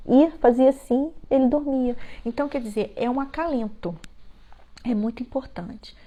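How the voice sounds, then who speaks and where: A woman with a Brazilian Portuguese accent talks parents through how to show love to their children. Her voice sits a little on the high side. She speaks with emphasis and draws out the phrases that matter most. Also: dark tone, muffled recording. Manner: emphatic, slows right down on key phrases. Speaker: parenting educator. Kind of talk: heartfelt advice talk to parents.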